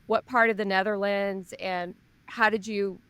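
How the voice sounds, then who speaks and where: An enthusiastic woman hosts a podcast interview, chatty and warm in manner. Her voice sits at a medium pitch and sounds dry and close, with no room echo. She asks long, rambling questions. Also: steady tone, unhurried, clear, resonant tone. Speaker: podcast host. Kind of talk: casual interview chat.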